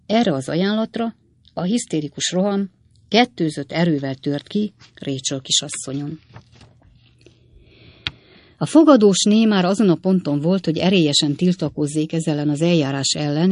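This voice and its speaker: An audiobook narrator reads a classic novel in a measured storytelling way. The recording is dry and close, with no room sound. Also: medium pitch, no room sound.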